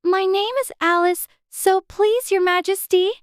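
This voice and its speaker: Little girl, very high pitch, curious, polite, plucky, dry storybook recording. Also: steady tone, unhurried, no echo. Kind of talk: dramatized storybook acting.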